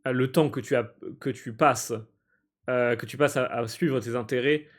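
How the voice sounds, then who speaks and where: Male streamer, mid-range voice, translating a game on the fly: halting, hesitant, quick to laugh. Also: medium pitch, fairly even intonation. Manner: halting and hesitant, stumbling over words while translating; amused, often breaking into laughter. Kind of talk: live let's-play, translating on-screen game text aloud.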